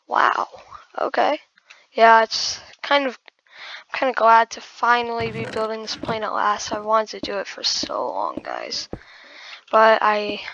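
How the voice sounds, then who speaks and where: A fairly high-voiced woman chats her way through a building tutorial, muttering asides as she goes. Her voice has a bright, gravelly edge. The recording is dull, dry and lo-fi. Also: slight background noise. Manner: rambling, muttering asides to herself. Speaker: gaming tutorial host. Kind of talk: casual building commentary.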